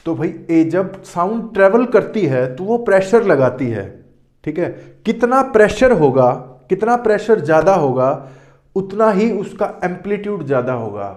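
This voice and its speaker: A man's voice: fairly high pitch, darkish tone. A man teaching a board lesson who asks questions and answers them himself, often saying "theek hai". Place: classroom with board. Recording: echoey room.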